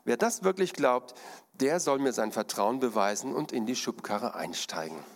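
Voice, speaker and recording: A man's voice: mid-range voice, lively intonation, moderate pace, lightly acted. A man voicing a confident male tightrope artist who calls out to a crowd in a raised, showman-like voice. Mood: challenging.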